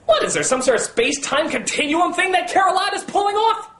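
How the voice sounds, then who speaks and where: A man's voice: very high-pitched, sing-song, fairly quick, very noisy. A man hosting a comedic film review, sarcastic and exasperated, prone to outbursts. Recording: echoey room, music behind.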